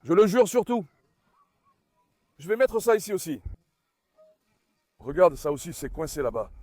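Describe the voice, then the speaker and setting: A man vlogging outdoors in a garden, calling and coaxing his puppies in a lively, animated way and talking to his viewers. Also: sits high, measured pace, dry recording. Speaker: dog breeder vlogger. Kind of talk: casual vlog talk to puppies and viewers.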